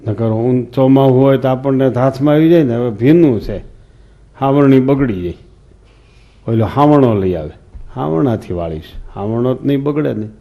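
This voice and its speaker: A man's voice: mid-range voice, muffled recording. A man giving a sermon as a swami, telling folksy stories and asking the listeners questions. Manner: folksy storytelling, asks the hall questions. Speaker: swami giving a scripture discourse.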